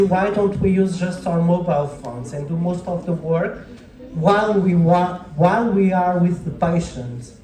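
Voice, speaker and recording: Warm in tone and on the high side, a native Portuguese speaker with a matching accent gives a casual classroom lecture, regularly tossing in brief tag questions to his audience. The indoor room echoes, and the microphone is set far away.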